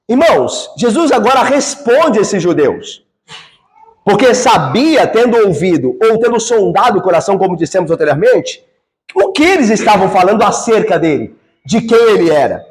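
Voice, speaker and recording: A man with a Brazilian accent delivers an expository sermon from the pulpit. His voice sits high and swings widely in pitch. He keeps checking in with his listeners through rhetorical questions. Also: sing-song, moderate pace. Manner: frequent rhetorical questions to the congregation. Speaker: pastor. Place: church.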